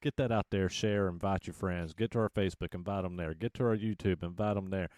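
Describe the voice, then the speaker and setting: Low-voiced man co-hosting a podcast. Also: fairly even intonation, fairly quick, darkish tone, dry recording, clean studio sound. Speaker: podcast co-host. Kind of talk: casual podcast chat.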